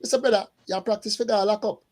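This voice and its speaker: A middle-aged man, a school custodian telling lively stories in casual chat and acting out the dialogue. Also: high-pitched, fast. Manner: animated storyteller, acts out dialogue.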